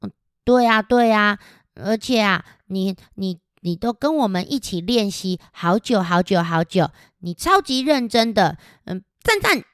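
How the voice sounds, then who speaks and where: A woman's voice: mid-range voice, lively intonation, measured pace, no room sound, clean studio sound, lightly acted. Woman voicing an earnest chirpy little bird. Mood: encouraging. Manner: chirping, repeating words, earnest. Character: small storybook bird, earnest, chirpy, encouraging friend.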